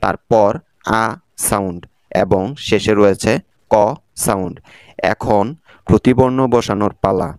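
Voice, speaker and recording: A man with a Bangladeshi Bengali accent narrating an English phonics lesson, breaking words into sounds in a careful, deliberate way. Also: fairly low pitch, darkish tone, clean tone, no echo, studio quality. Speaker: English teacher.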